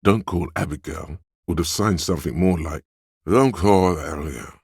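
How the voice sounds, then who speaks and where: Heavily acted scripted game narration in the second person comes from a solemn, dryly wry male narrator inside a detective's head. His extremely low voice is thick with husky gravel, unfolding in measured, literary phrases with deliberate pauses. The recording is very dry and close.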